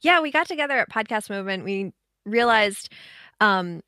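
A woman with a crisp, bright voice and a noticeable whistle on her S's. She talks casually and animatedly, like a podcast guest telling stories about her work. The sound is very dry, with no room around it. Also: mid-range voice, animated, moderate pace, no echo. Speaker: podcast guest, audio editor. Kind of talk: casual podcast interview chat. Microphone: dynamic mic angled from the side with pop filter and windscreen, online call.

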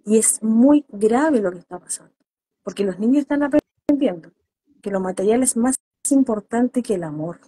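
A woman with a slightly high but mellow, husky voice talks earnestly in an interview. She presses her points about raising children with emphasis. The sound is close and dry, with no room around it. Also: expressive, moderate pace, no echo. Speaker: guest therapist. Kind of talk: interview on parenting.

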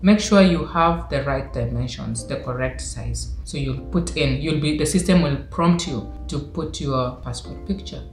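A young woman talks through an explainer vlog in a low, animated voice, asking lots of rhetorical questions. She is recorded in a small echoey room, with faint guitar music underneath. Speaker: vlogger.

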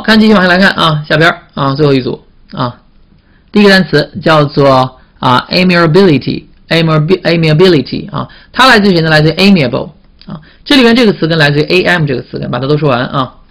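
Man, teacher, vocabulary lesson, slightly high voice, call-and-response questions. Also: vocal fry, a bit bright. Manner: repetitive, drawn-out "啊" fillers and call-and-response questions. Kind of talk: classroom vocabulary lecture.

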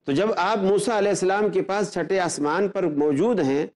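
An Islamic scholar appearing as a guest speaker, this man earnestly explains religious belief, building his points through rhetorical questions. His voice is high and somewhat dark in tone, delivered at a normal speed.

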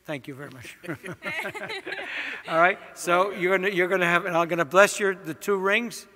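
In a large church with long reverb, a priest with a high voice and big pitch swings walks a wedding party through their rehearsal. He speaks a little slowly, giving chatty directions with joking asides as a crowd murmurs in the background.

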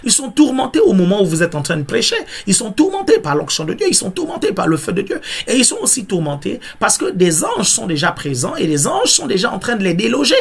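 Husky-voiced pastor preaching a sermon. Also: male voice, sits high, wildly swooping pitch, quick pace, hardly any pauses. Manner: teaching, repeats key phrases, asks if listeners understand.

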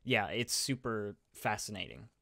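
A man's voice: on the low side, lively intonation, measured pace, creaky, a crowd in the background. A young man hosting a podcast, chatting in a rambling, self-deprecating way with lots of fillers. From United States. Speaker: podcast host. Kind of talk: casual chat.

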